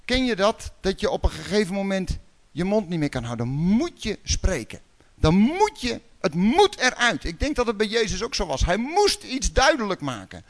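Dutch guy preaching, chatty, asks lots of questions, sometimes calls out loud, pitch all over the place. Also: big pitch swings, moderate pace. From Netherlands. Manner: conversational preaching, rhetorical questions, bursts of loud calling. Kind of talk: sermon.

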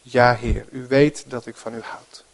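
An eager, impulsive fisherman answering with plain earnest emphasis, as a preacher voices him while reading. His voice sits at an ordinary middle pitch. The speech stays simple and direct. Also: fairly even intonation, unhurried, creaky.

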